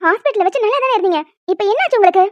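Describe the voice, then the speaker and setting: An earnest young wife from a cartoon, heartfelt and close to tears, with a high voice. The sound is dry and a little dull. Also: female voice, lively intonation, rapid-fire, no echo. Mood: overjoyed. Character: emotional young wife, tearful and joyful.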